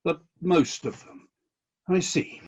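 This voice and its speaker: In a radio play, a man portrays God as a disillusioned but decisive ruler of heaven, firing indignant questions and issuing deliberate commands. His voice is fairly high and husky, and he sounds hurt and disappointed.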